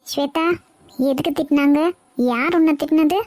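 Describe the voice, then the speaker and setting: A bossy cartoon mother-in-law scolds with sharp scorn, voiced by a woman. Her voice is high, and the recording is dry. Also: fairly even intonation, moderate pace, no room sound, natural voice. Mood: scornful. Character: bossy middle-aged mother-in-law, scheming.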